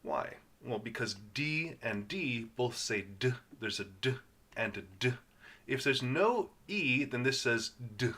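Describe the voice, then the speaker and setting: A man teaching English reading to learners, sounding out words patiently and repeating them in a slow guided lesson. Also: mid-range voice, animated, sharp tone.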